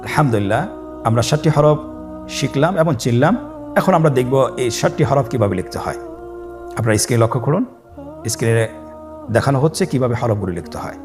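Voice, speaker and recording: A man teaching Arabic letters step by step, leading students to repeat after him with slow, drawn-out letter names. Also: mid-range voice, expressive. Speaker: Quran teacher. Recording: faint background music.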